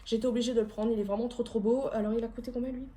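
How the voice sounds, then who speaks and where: A woman's voice: fairly high pitch, fairly even intonation, racing, mellow. A young woman chatting casually at home in a rambling, self-deprecating way, showing her haul to camera. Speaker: vlogger.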